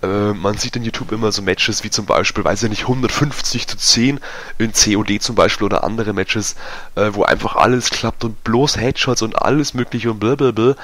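A man giving casual, self-mocking commentary over a multiplayer match, his voice going hoarse. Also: on the low side, fairly quick, fairly bright tone. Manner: chatty, self-mocking, many fillers. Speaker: gaming YouTuber. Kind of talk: casual let's-play commentary.

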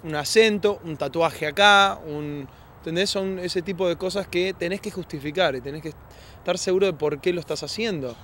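A man's voice: sits high, normal speed, a bit bright. Argentine-accented male actor, thoughtful interview answers, light city noise outdoors. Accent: Argentine Spanish. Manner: earnest, reflective, many restarts and tag questions.

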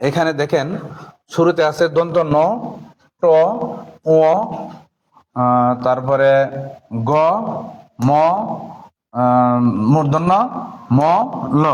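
A man from Bangladesh, teaching in a classroom with a board. He leads the class in call-and-response drills and slow chanted rhymes. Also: a little high. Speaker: madrasa teacher.

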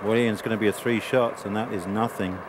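Male golf commentary analyst, lowish and level delivery, chatting live against background noise. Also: fairly even intonation, fairly quick, a crowd in the background. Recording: noisy outdoor background.

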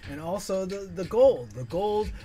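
A man's voice: sits high, lively intonation, measured pace, music in the background. A middle-aged man from Northern California hosting his art channel, talking casually and earnestly with many fillers while he draws at a home desk. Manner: rambling, filler-heavy, earnest. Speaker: artist and channel host. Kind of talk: casual monologue while drawing.

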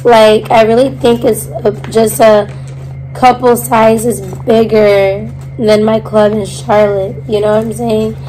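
A woman in her twenties chatting casually to her vlog, her voice hoarse with a smoker's rasp as if half lost. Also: fairly high pitch, flat delivery, slow pace, dark tone, low-quality recording. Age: 20s. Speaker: vlogger. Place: hotel-like bedroom, indoors. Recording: noticeable background hum and noise.

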